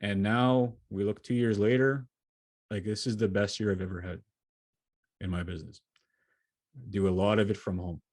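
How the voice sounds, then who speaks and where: A man's voice: on the low side, steady tone, normal speed, pauses often, a little mellow, no room sound. A man giving a motivational keynote from his home setup over a video call, speaking earnestly and often restarting and repeating his words. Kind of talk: motivational talk answering questions.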